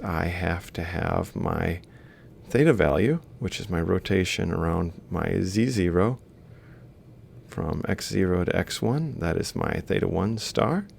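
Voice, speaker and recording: With lively intonation and a measured pace, a robotics lecturer speaks in a creaky, darkish voice. He goes through a worked example in a casual lecture, drawing as he explains, reasoning aloud and correcting himself at each step. Faint background noise and low rumble accompany the audio.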